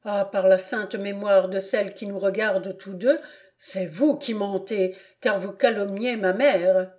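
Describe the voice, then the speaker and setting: A woman voicing a humiliated but dignified boy who answers his father softly in an audiobook. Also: mid-range voice, steady tone, a little slow, natural voice. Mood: wounded dignity. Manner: soft, restrained replies.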